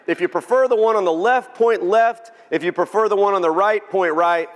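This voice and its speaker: A man's voice: high-pitched, brisk. A man with a Texan accent giving a joking, folksy keynote speech to a luncheon crowd, asking the audience to vote along. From Texas. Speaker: keynote speaker. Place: large banquet hall. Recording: reverberant hall.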